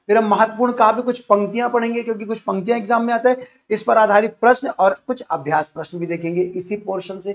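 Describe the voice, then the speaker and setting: A man teaching an exam-prep lecture, listing topics one after another and repeating key points as he explains. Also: sits high. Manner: repetitive, explanatory, enumerating topics.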